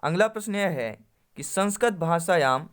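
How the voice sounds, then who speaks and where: A man's voice: a little high, animated, moderate pace, a bit bright, clean tone. A man teaching an exam-prep lesson, reading Sanskrit options and explaining them in Hindi while addressing viewers as friends.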